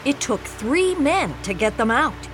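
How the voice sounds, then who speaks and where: A woman reading a children's picture book aloud in an expressive way, acting out the quoted lines. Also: high voice, a little slow, background noise. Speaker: storybook reader.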